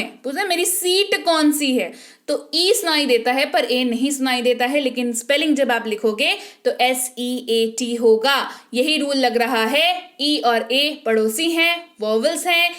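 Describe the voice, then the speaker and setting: A woman teaching a spoken English lesson online. She repeats each word slowly, spells it out letter by letter and often checks in with the viewer. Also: high voice, fairly bright tone. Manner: asks the viewer rhetorical questions.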